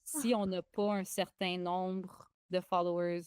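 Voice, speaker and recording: A young woman with a Québécois accent co-hosting a podcast, chatting excitably with lots of fillers and restarts. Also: fairly low pitch, slow, clear, resonant tone, dry recording, studio quality. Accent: Québécois French. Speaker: podcast co-host. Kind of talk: casual podcast chat.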